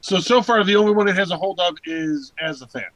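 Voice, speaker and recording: A man's voice: sits high, fast, a bit bright, no room sound, low-quality recording. A man playing at a tabletop game, making wry jokes about his character's luck. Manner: joking, wry. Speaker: player. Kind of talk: casual tabletop play.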